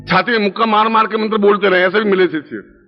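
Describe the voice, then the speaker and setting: High-voiced man teaching a mantra in a hall. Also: fairly even intonation, quick pace, soft background music. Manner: instructive, dictating a mantra syllable by syllable; chants mantra syllables aloud. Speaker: guru leading a mantra practice. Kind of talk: spiritual discourse. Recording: dull lo-fi recording with long hall reverb.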